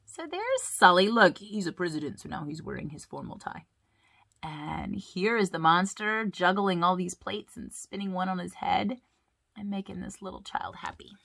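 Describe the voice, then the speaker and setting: A woman pastor chats playfully and reads a story aloud for children. Her voice is bright and clear, swinging lively up and down as she shows the pictures. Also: lowish voice, normal speed. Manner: chatty, animated, playful.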